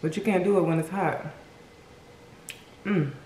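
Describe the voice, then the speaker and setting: Casting: female mukbang host, slow casual delivery with mouthfuls and mm sounds, echoey noisy room. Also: lowish voice, darkish tone. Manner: eating while talking, with savouring mm sounds. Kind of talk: casual food-tasting chat to viewers. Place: indoor room at home, seated at a table. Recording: roomy echo with background noise.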